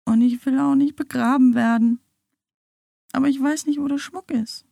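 Brief: a scared, tearful young girl, raised and breathy, as a woman storyteller puts her on. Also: high voice, fairly even intonation, normal speed, warm tone, dry recording, studio quality, voice pushed up.

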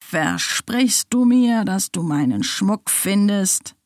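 A woman voicing a menacing dead old woman risen from her coffin, speaking slowly and eerily, half-whispered. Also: mid-range voice, expressive, a little mellow, no room sound, studio quality. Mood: threatening.

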